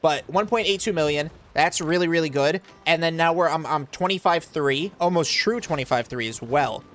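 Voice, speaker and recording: A man's voice: on the high side, normal speed, fairly bright tone, soft background music. A young American man from Florida, casually talking through a live game stream and answering chat. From Florida, USA. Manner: chatty, explains while playing, reads chat aloud.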